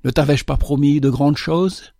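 A man reading aloud, voicing a radiant young male savior who speaks gently yet with command. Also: fairly high pitch, moderate pace, creaky, no room sound, clean studio sound. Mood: gentle. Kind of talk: dramatic audiobook reading.

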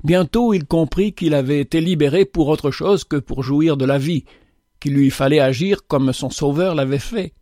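A man reading a moral tale aloud in a measured, earnest storytelling manner. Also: fairly high pitch, dark tone, dry recording, studio quality. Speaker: narrator.

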